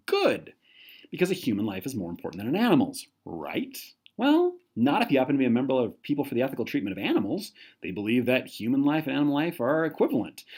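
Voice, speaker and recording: Animated man teaching a lesson. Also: medium pitch. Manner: animated, jumps into quoted voices, self-correcting asides. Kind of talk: recorded lecture.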